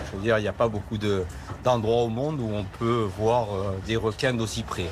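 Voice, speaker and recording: A man's voice: fairly low pitch, fairly even intonation, moderate pace. A man speaking spontaneously as a tourist being interviewed. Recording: faint outdoor background noise.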